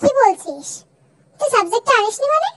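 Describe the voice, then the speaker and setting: A woman's voice: very high voice, sing-song, a little fast, a bit bright, a little hiss or hum, full character voice. A young woman doing a bossy, teasing college girl. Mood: exasperated. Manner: teasing, scolding. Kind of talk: fan dub voice acting.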